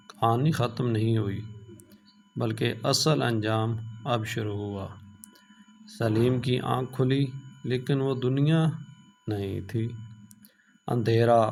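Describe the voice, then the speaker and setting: Male storyteller, earnest and pleading, gravelly texture. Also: medium pitch, slight background noise. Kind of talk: moral story narration.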